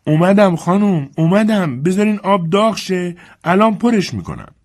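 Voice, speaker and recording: Old housekeeper, heavy and weary, scolding, put on by a man; pitched far above his own voice, lively lilt. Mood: placating. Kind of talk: audiobook character voice.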